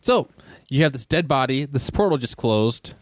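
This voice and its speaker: A man's voice: mid-range voice, animated, normal speed, no echo. A man running a tabletop game as game master, joking and laughing often as he narrates.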